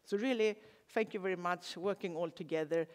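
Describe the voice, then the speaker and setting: A man's voice: sits high, a little fast. A man speaking earnestly on a conference panel, with some restarts. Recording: reverberant conference hall.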